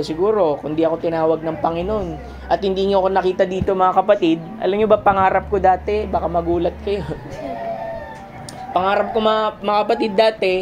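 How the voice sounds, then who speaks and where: A man in his thirties preaching a sermon in church, conversational, often chuckling at his own stories. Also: high-pitched. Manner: conversational, keeps saying "mga kapatid" and "diba?". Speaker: pastor.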